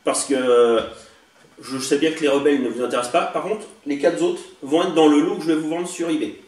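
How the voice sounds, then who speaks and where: A man's voice: a little high, brisk, darkish tone. Chatty man on a distant, echoey mic. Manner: chatty, hesitant with many fillers. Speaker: toy collector vlogger. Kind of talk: casual show-and-tell demo. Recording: echoey room, distant mic, faint hiss.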